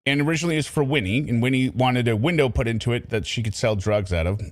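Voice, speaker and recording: A man's voice: mid-range voice, quick pace, dry recording. A man hosting a casual commentary show, talking with sarcastic, scornful asides. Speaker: commentary channel host.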